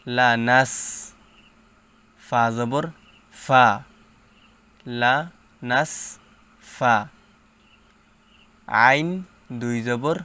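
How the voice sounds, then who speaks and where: A man with a smooth, mid-range voice teaches Quran reading, patiently spelling out letters and sounding each syllable. He drills step by step, reciting louder and slower.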